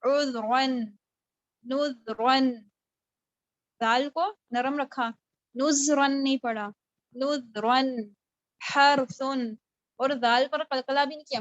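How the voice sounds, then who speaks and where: A high-voiced woman teaches Quran recitation over a video call and patiently explains each rule before she stretches out each recited word. The call recording sounds dull and dry, with no room sound at all. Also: no echo. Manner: explains patiently, then slowly drawn-out recited words. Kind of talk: online tajweed lesson. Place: home, online video call.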